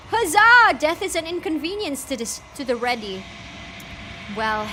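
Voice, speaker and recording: A woman's voice: sits high, animated, normal speed, slight background noise. A woman live-streaming a game, reacting aloud in a theatrical, over-the-top way. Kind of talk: live reaction gameplay commentary.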